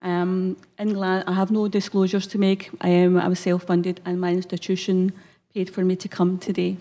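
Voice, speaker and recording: A woman with a broad Glasgow-area Scottish accent speaks in a lowish, warm voice with completely flat delivery at normal speed. As a health service manager giving a prepared talk at a conference, she uses a lectern gooseneck mic on stage and hesitates a bit, saying um often.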